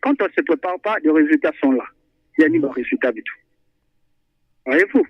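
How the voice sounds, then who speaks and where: A man with a fairly high voice rings a radio show and talks football a little fast, lively yet halting, circling back over the same words. The recording is dry, and the call comes through a tinny phone line.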